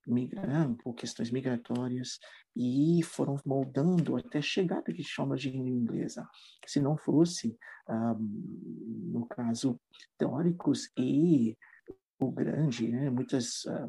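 A man with a husky edge to his voice speaks in an unhurried interview conversation, explaining his ideas at length and checking in with frequent tag questions. His tone is mellow and dark rather than bright, and he sounds like a teacher working through a point. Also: medium pitch. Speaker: English teacher.

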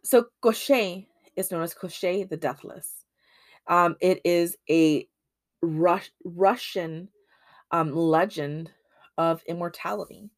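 A woman's voice: lowish voice, takes it slowly, no room sound, studio quality. A woman hosting a solo podcast in casual chat, rambling with many ums and restarts. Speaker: podcast host.

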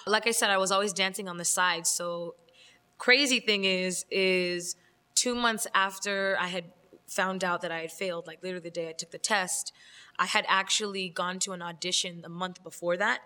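Young adult woman guest, candid and reflective, bright voice with long reverb. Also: fairly low pitch, fairly even intonation, moderate pace. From Los Angeles. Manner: candid, laughs often, reflective. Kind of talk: casual interview.

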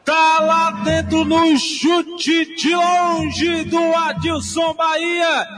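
A Brazilian man calling football on the radio in explosive goal commentary, with shouted, drawn-out calls. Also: very high voice, little pitch movement. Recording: radio broadcast with music behind. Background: music.

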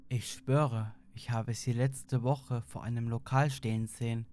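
A man reading a first-person creepypasta horror story in a steady, tense storytelling manner. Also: mid-range voice, a little slow, slight background noise.

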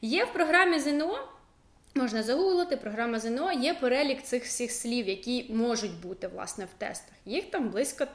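A young woman teacher talks through her lesson in a loose, chatty way, with plenty of fillers and side remarks. Her voice sits a little high, and the room gives it a noticeable echo. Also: expressive, brisk. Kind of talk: casual explanatory lesson.

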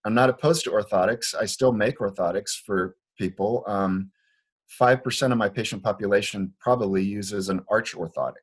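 In a Portland, Oregon clinic, a podiatrist from Liberia explains what he thinks during a conversational interview. He speaks at a normal pace in a fairly low voice with a breathy edge, earnest and chatty, and he frequently starts over mid-thought.

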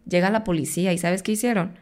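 A Mexican woman speaking as a podcast guest, her voice sitting a little low. She tells a personal story in conversation and voices her past pleas as she speaks. The telling stays intense throughout. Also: fairly even intonation, fast, darkish tone.

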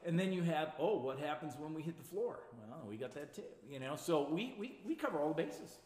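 Confident martial arts instructor, echoey room. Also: male voice, fairly high pitch, lively intonation, darkish tone, a little hiss or hum. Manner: confident, explanatory, quick to laugh. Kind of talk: casual interview talk. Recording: echoey room with long reverb.

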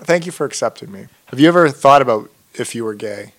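A man's voice: mid-range voice, animated, fast, fairly bright tone. A man from Windsor, Canada, a comedian co-hosting a podcast, talking in a loose, joking way and trailing off mid-sentence. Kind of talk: casual chat.

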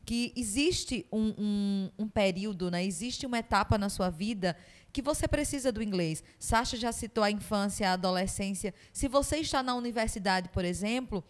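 A woman's voice: medium pitch, normal speed. A woman, hosting a casual interview. She chimes in agreeably and builds on what her guest says. Her voice sits in a middle register. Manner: agreeable, adds comments and asks follow-ups. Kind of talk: conversational interview.

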